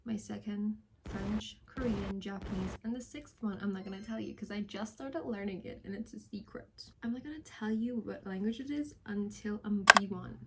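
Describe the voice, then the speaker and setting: A young woman in her twenties with a light Persian accent vlogs to camera at home during golden hour, iced coffee in hand, rambling chattily about learning languages with self-deprecating asides. Her voice is medium-pitched at normal speed with few pauses, though the audio is poor, with a little hiss or hum.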